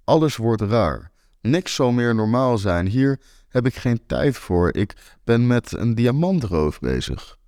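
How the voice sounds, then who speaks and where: A young man telling a first-person story in a wry, deadpan way. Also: medium pitch, slow, no room sound, clean studio sound. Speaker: author and narrator.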